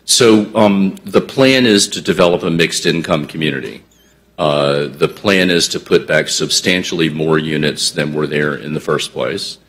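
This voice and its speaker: A man's voice: very deep voice, measured pace, fairly bright tone. A man presenting as a housing developer at a county commission meeting, explaining at length with many fillers and restarts.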